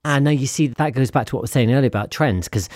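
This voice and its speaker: A man's voice: medium pitch, quick pace, a little mellow, no room sound. A man hosting a casual panel chat, asking jokey questions. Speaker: host.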